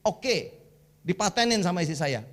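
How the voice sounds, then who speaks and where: A middle-aged man giving a humorous church sermon, telling lively stories in casual slang. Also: sits high, normal speed. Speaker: guest preacher.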